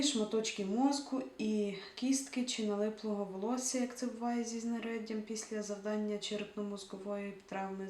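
A woman's voice: medium pitch, a little mellow. A woman reading a novel aloud who breaks off now and then to muse casually about unfamiliar words. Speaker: audiobook reader. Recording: roomy echo, distant mic, faint hiss.

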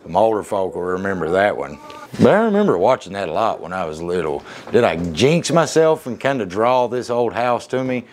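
A man's voice: lowish voice, very animated, a little fast. A man, talking casually into the camera in a family vlog in a folksy, chatty way while he looks after his kids. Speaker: family vlogger.

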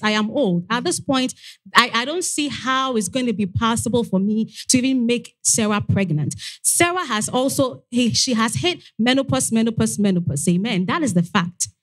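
A young woman preaching an earnest sermon into a handheld mic in a church, often pausing on "Amen". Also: on the high side. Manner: earnest exhortation with frequent "Amen". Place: church sanctuary stage.

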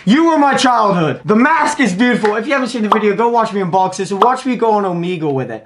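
Excitable, foul-mouthed young man. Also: sits high, background noise. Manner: loud, crude, excitable, swears a lot. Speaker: gaming YouTuber. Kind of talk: excited pack-opening commentary.

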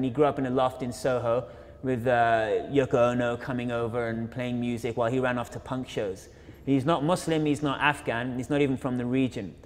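A young man, a photographer and filmmaker, giving an informal illustrated talk in a university auditorium, reflective and full of fillers and self-corrections. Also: mid-range voice. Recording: long reverb of a lecture hall.

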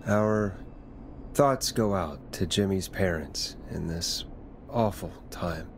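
An actor playing a steady, concerned American late-night radio DJ in a video game, measured, sober and reassuring. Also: male voice, low voice, faint music behind. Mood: somber, sincere.

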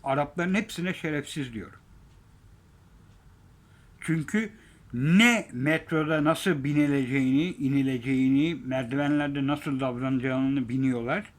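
A man in a heated, profane rant, repeating himself and swinging between loud outbursts and low mutters. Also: unhurried. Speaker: vlogger. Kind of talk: angry ranting monologue.

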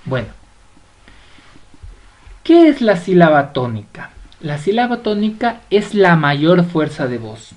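A woman's voice: on the low side, sing-song, slow, long pauses, a little mellow. A woman teacher with an Ecuadorian accent, patiently explaining a lesson, drawing out example words and checking that students follow. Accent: Ecuadorian Spanish. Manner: stretches out example words syllable by syllable, checks understanding. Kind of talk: slow classroom explanation.

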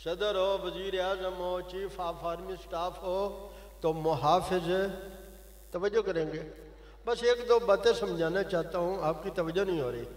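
A man's voice: high-pitched, fairly even intonation. An older man preaching an impassioned sermon at a mosque gathering, exhorting the crowd and calling on them to answer aloud. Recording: echoey hall over loudspeakers.

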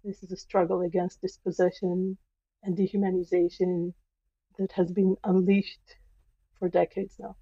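Earnest woman with a flat, even voice. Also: fairly low pitch, slightly rough, no echo, muffled recording. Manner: earnest, measured, emphatic. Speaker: guest, historian professor. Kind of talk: podcast interview answer.

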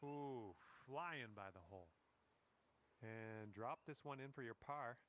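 A man's voice: mid-range voice, slow pace, fairly bright tone, slight background noise. A man giving encouraging play-by-play golf commentary, speaking directly to the player. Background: music.

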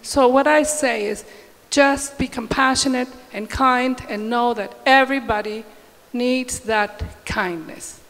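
High-voiced woman in a reverberant hall. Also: fairly even intonation, slow pace, fairly bright tone, slight background noise. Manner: upbeat, uplifting, emphatic. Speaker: panelist. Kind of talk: panel discussion answer. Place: large conference hall stage. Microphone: handheld mic.

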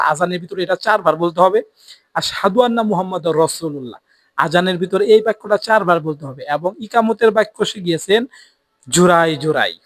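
High-voiced man teaching earnestly. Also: a bit bright, dry recording. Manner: earnest, repeats points for emphasis. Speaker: Islamic preacher. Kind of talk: religious teaching talk to camera.

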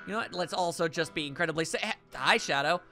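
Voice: medium pitch, racing, a bit bright. A let's play host giving casual video game commentary, musing aloud with wry understatement. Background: video game music.

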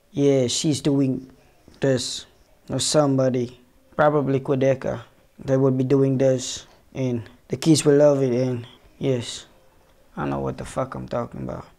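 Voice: medium pitch, vocal fry, darkish tone. A music reaction streamer giving casual, profane commentary, thinking aloud and often unsure of themself.

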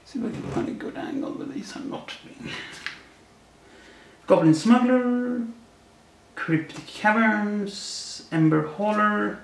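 Speaking slowly with long pauses, a man with a high, vocal-fry voice hosts a casual unboxing and puns wryly about each card. The unfurnished apartment room gives the audio an echoey quality with faint noise.

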